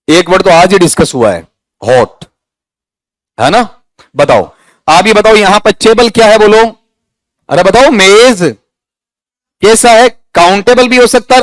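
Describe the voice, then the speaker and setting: High-voiced Rajasthani Hindi teacher quizzing students. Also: male voice, no room sound, low-quality recording. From India. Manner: quizzing students, reading sentences aloud slowly. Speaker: English teacher. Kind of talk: classroom lesson.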